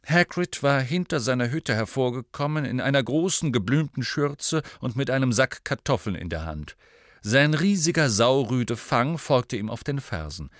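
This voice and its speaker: Lively male audiobook narrator. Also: mid-range voice, moderate pace, no echo, clean studio sound. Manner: expressive storytelling. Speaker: audiobook reader. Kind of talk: scripted narration.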